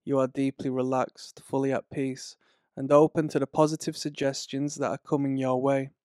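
A man reading a slow, soothing guided relaxation and hypnosis script in a measured way. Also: mid-range voice, flat delivery, darkish tone, clear, resonant tone, no echo, clean studio sound.

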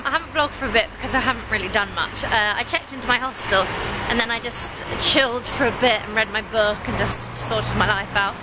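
A woman's voice: on the high side, very noisy. Chatty woman vlogging on the street. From England. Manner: chatty and upbeat, laughs often. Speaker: travel vlogger. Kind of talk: casual vlog. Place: city streets and buildings, indoors and out. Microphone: handheld camera at arm's length.

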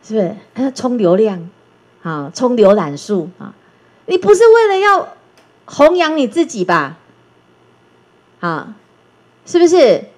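A woman teaching Buddhism in a lively lecture, coaxing listeners with rhetorical questions and little acted-out dialogues. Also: on the high side, unhurried, pauses often. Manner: coaxing, gentle asides. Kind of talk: Dharma lecture.

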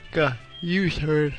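A young man commentates a video game in a slightly high, unhurried voice, swearing and exclaiming as battles go against him. Faint game music plays behind his voice. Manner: excitable, swears often, groans and exclaims at setbacks. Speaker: gameplay commentator. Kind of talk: casual gameplay commentary.

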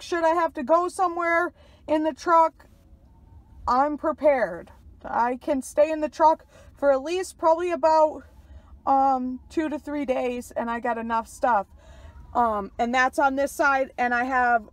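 A woman's voice: sits high, no echo. A woman in her thirties from New York, chatting casually as she gives a video tour of her truck cab, rambling with lots of fillers, recorded on a handheld phone. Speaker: truck driver vlogger. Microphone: phone camera held in hand.

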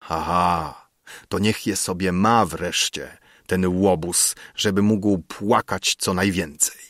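A man voicing a cruel, sinister old male alchemist with a hoarse, hollow, thundering voice and a gloating, snarling manner. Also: low voice, slow pace, a bit bright, dry recording, studio quality, exaggerated voice.

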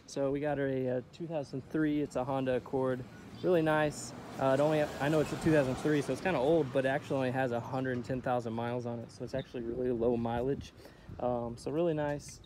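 A young man chatting casually as a vlogger, talking into a phone held at arm's length. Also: medium pitch. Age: young adult. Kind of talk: casual vlog chat. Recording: slightly noisy phone recording.

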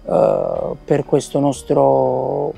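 Man, thirties, earnest, halting, lapel mic, outdoor square, faint music. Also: mid-range voice, wildly swooping pitch, gravelly, warm tone. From Italy. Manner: earnest, with frequent fillers and restarts. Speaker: theatre project director. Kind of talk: promotional interview. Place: outdoor town square at night.

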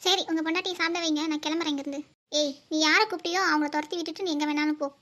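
A woman voicing a bossy, squeaky young sister. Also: steady tone, rapid-fire, fairly bright tone. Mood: grumbling. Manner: scolding, bickering. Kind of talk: cartoon voice acting.

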